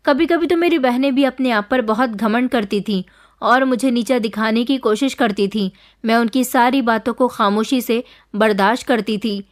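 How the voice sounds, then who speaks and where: Woman narrating a story, slightly high voice. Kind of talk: scripted first-person story narration.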